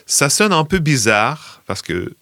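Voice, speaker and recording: A man's voice: medium pitch, big pitch swings, slow pace, pushed and bright, no echo. A man, a singer, answering interview questions about his album hesitantly, with many fillers and a recurring "comme on dit".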